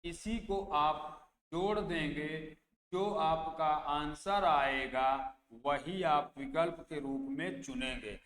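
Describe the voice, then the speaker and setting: A male math teacher with a slightly bright, higher voice speaks slowly in an exam-prep lesson, repeating place values as he asks and answers his own questions. The room is echoey with long reverb and faint background noise.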